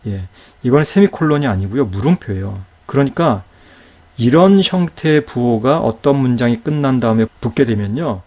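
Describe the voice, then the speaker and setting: A man's voice: medium pitch, expressive, a little mellow. A man teaching a recorded grammar lecture. He explains patiently, step by step, and checks with his listeners through rhetorical questions. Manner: sounds out syllables slowly and distinctly.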